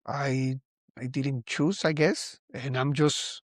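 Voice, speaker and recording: In a mid-range, steady voice, a man in his forties from Costa Rica reflects casually on camera as a vlogger. He halts and starts over often while musing, and the studio-quality audio carries no room sound.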